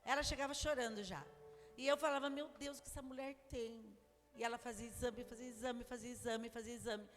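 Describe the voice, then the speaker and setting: A woman's voice: on the high side, fairly even intonation, a little fast. A woman with a Brazilian Portuguese accent preaching a sermon, telling stories in a chatty way with many asides. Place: church. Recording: long church hall reverb, faint music.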